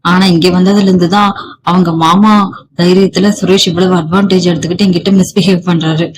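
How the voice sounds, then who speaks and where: Defiant young married woman, sharp and scolding, voiced by the narrator in a read story. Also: medium pitch, flat delivery, brisk, a little hiss or hum, close to an everyday voice, low-quality recording. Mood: firm, resigned.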